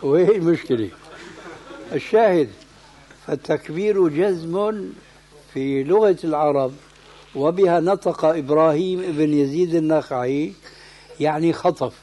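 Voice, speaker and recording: A man's voice: a little high, a little slow, long pauses, mellow. A man, a religious scholar giving a lesson, who corrects emphatically and poses questions he answers himself.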